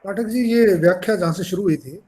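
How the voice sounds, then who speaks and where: A man's voice: high-pitched, fairly quick, darkish tone, breathy edge. A man in a study group asking questions over a bad call connection that keeps cutting out. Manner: questioning, brief replies. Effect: voice breaking up on a bad call connection. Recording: noisy, dropping call line.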